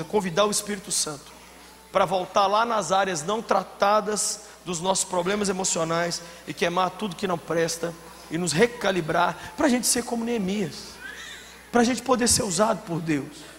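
A man preaching a sermon as a pastor, telling stories and acting out scenes with sudden shouted outbursts. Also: high voice, moderate pace, slight background noise. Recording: long hall reverb, faint ambience.

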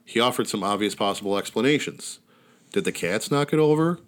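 A man's voice: lowish voice, expressive, brisk. A man hosting a podcast, casually retelling a story in a wry, laid-back way with casual swearing. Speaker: podcast host. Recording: outdoor neighborhood ambience behind.

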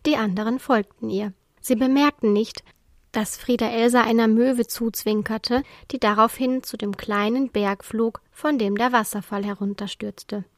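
Woman reading a kids story, kinda high voice, dry close mic. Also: moderate pace, no room sound. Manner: calm, storytelling. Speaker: narrator.

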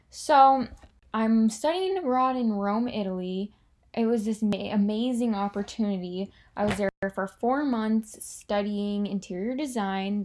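A woman's voice: medium pitch, a little hiss or hum. A woman in her twenties hosting her own podcast, talking candidly and casually, full of "like" and the odd swear word. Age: 20s. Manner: candid and chatty, heavy filler "like", swears freely. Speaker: podcast host. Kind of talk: casual confessional monologue.

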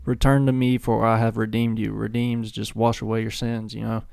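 A man's voice: lowish voice, little pitch movement, normal speed, creaky, darkish tone, smooth, no room sound, clean studio sound. A young man co-hosting a podcast, earnestly talking through a verse and what it means. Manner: earnest, reflective when explaining a verse. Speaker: podcast co-host. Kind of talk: casual chat with friends.

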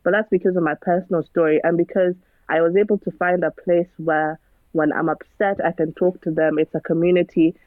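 On the low side with fairly even intonation, this woman speaks briskly as a guest in an informal conversation. The sound is dry and narrow, phone-like, and she moves from earnest talk to preaching, peppering it with rhetorical questions.

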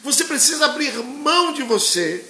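A man's voice: very high-pitched, very animated, normal speed, sharp tone, reverberant. A man with a Brazilian Portuguese accent preaching a fervent, emotional live-streamed sermon and greeting viewers by name.

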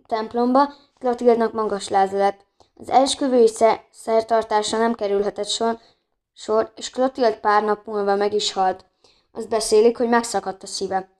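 A woman's voice: a little high, darkish tone. A woman reading a children's book aloud, who often stumbles and restarts words. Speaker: audiobook reader.

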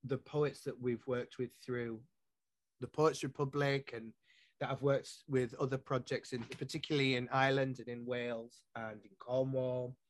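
In this interview, a poet and publisher from Yorkshire muses at length in his native accent, frequently starting over. He speaks at normal speed in a level, mid-range voice, with no echo on the audio.

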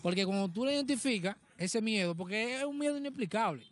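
A man's voice: high voice, animated, quick pace. A man explaining ideas through everyday examples in a casual podcast chat, often asking if he's understood. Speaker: podcast co-host.

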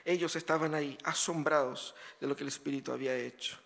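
A man's voice: a little high, steady tone, fast talker, vocal fry, fairly bright tone. A man pastor preaching a sermon in a conversational way, full of rhetorical questions and casual asides. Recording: long hall reverb.

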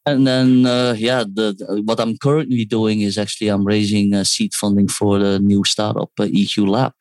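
A man speaks at a normal pace in a fairly low, darkish voice with a flat delivery, captured on a dry recording. He's a startup founder and design teacher who was born in South Korea and raised in the Netherlands, appearing as a guest in a conversational interview about his work. He thinks carefully, restarts words and quotes others in asides.

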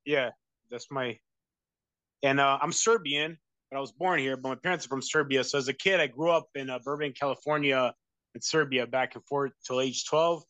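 An American man, a guest in an interview, chats casually and rambles, full of fillers and restarts. His voice is medium-pitched and a bit bright, at a normal pace, in a dry recording.

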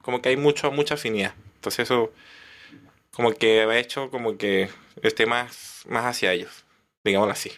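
A man's voice: medium pitch, steady tone, a little fast, fairly bright tone. Chatty Venezuelan man, casual. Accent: Venezuelan, Táchira. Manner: chatty, rambling, gossip-loving. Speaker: guest comedian. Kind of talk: casual chat between friends.

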